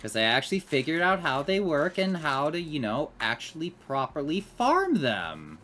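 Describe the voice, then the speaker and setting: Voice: medium pitch, wildly swooping pitch, moderate pace, a bit bright. A gamer giving casual commentary over gameplay and muttering while playing.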